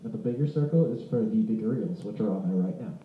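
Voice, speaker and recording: Speaking fast and expressively in a lowish voice, a male vlogger runs through vintage audio gear in an indoor room. The demonstration is casual and unscripted, and he rambles and fixes his own wording as he talks. The sound is roomy and muffled, like a home video.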